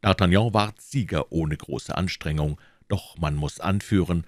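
A man reading a classic novel aloud as an audiobook, in measured, expressive storytelling. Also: sits low, no echo, clean studio sound. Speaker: audiobook reader. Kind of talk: scripted narration of a classic novel.

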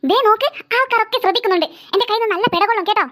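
Here the cartoon character is a stern mother, voiced by an actor, who nags and scolds her daughter and refuses to buy her anything while they're on a trip. Her extremely high voice moves very fast and carries a bright, forceful tone.

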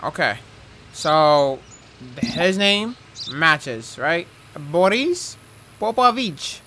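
A young man commentating a video game casually, with loud, profane, joking reactions. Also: on the high side, big pitch swings, extremely slow, a little hiss or hum. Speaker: gaming streamer.

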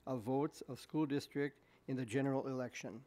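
A man's voice: mid-range voice, fairly even intonation, warm tone. Man formally reading board resolutions. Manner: measured, official, deliberate. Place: school board meeting room.

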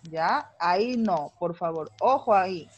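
A woman's voice: on the low side, animated, a little slow, highs cut off, a crowd in the background. A woman teacher with a Peruvian Spanish accent, explaining a grammar lesson patiently in an online class and checking understanding with frequent tag questions.

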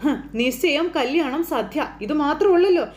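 Woman narrator recapping soap episodes in a chatty, informal way; voice sits a little high. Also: normal speed, a little mellow. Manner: chatty retelling that voices quoted lines inline. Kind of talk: casual spoken recap of a TV serial episode.

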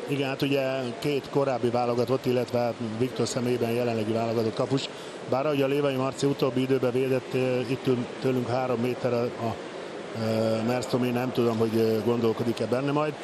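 A man giving unscripted match analysis as a co-commentator, in hesitant, halting phrases. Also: medium pitch, little pitch movement. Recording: loud pool-hall noise behind. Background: loud indoor pool ambience.

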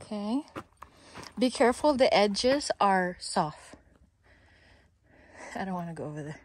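A chatty woman narrates her hike outdoors in an unhurried way, laughing easily and talking sweetly to her little one. Her voice sits at a middle pitch, and she speaks into a handheld camera. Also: expressive, no echo. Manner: chatty, laughs often, coos to her baby. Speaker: travel vlogger. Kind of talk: casual vlog narration. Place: outdoors on canyon trails.

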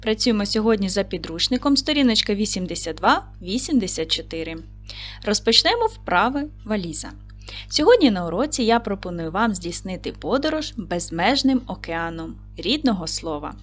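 Young woman, kind primary teacher, sing-song animated delivery, slow careful dictation, faint music underneath. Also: medium pitch. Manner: slow, clear dictation with stressed syllables; gentle, encouraging address to children. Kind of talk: online video lesson for children.

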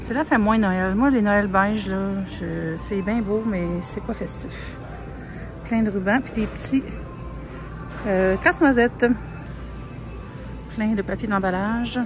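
A young vlogger with a Québécois French accent films a casual shop-with-me video inside a large grocery store on her phone. Her medium-pitched voice is a little slow, with long pauses, fillers and soft asides. Faint store music plays, and the audio quality is poor.

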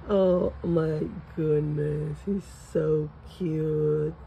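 This low-pitched woman sits at a table at home, excitedly gushing over every toy as she slowly chats her way through an unboxing for her vlog. Her voice is mellow and dark but very raspy and gravelly. Faint room noise can be heard on the low-quality recording.

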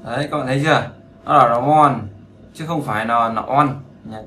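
Man, chatty teaching voice, bright tone, echoey room. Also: medium pitch, a little hiss or hum. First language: Vietnamese. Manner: chatty and teasing, repeats words slowly to drill them. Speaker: English teacher. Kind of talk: casual spoken lesson.

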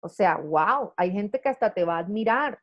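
A woman leads an online sales training for her team in a lively, conversational way, peppering her points with quick check-ins. Her voice sits at an ordinary middle pitch for a woman. It comes through slightly dull, lo-fi video-call audio. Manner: lively, chatty, tags points with "¿verdad?" and "¿sí?". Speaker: sales director coaching consultants.

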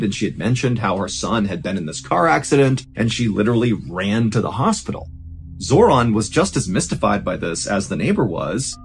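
A man hosting a podcast, narrating a true-crime story in a casual, conversational way. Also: lowish voice. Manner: casual and conversational, with fillers like "you know".

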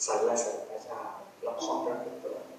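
Speaking a little fast in a dark tone, a man with a Thai accent delivers an earnest, pleading altar call in a large church hall, polite and full of polite particles. The mic is far off, so the sound is very echoey, with slight background noise.

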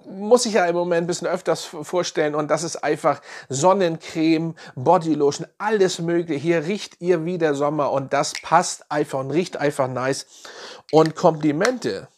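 A man's voice: a little high, moderate pace, a little mellow. A man reviewing fragrances in a casual, enthusiastic way, piling on slangy praise. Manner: enthusiastic, repeats slang praise like "nice" and "geil".

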